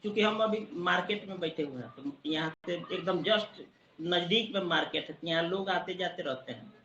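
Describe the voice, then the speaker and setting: A man teaching a study group from a spot near a busy market, slowly repeating technical terms as he explains. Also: sits high, bright, forceful tone, reverberant, highs cut off, slight background noise. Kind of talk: online study-group lecture.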